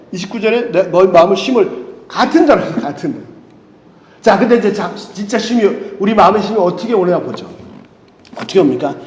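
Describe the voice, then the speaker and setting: A male pastor preaching a sermon, animated and full of questions to the congregation, sometimes dropping to a soft near-whisper. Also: sits high. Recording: echoey hall reverb.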